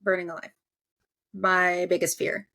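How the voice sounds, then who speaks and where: A woman's voice: fairly low pitch, level tone, unhurried, pushed and bright. A young woman hosting a podcast in casual, chatty talk, laughing often. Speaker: podcast host.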